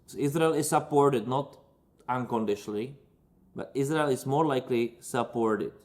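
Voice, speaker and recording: This channel host from Czechia answers viewer questions in a casual Q&A, speaking at a moderate pace with a medium pitch and a darkish tone. His Czech-accented English is loose and non-native, full of restarts, and his opinions come across strongly.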